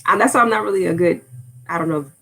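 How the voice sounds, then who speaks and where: This language-learning YouTuber from the United States talks fast in a fairly low, husky voice that sounds pushed and bright. Chatting casually on a livestream, she rambles and wanders off topic, filling gaps with plenty of fillers.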